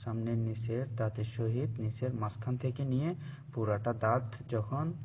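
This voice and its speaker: A man's voice: mid-range voice, fairly even intonation, normal speed, background noise. A man teaching Arabic letter pronunciation for Quran reading, patiently drawing out each letter as a model for learners to repeat. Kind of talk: slow recorded lesson on letter pronunciation.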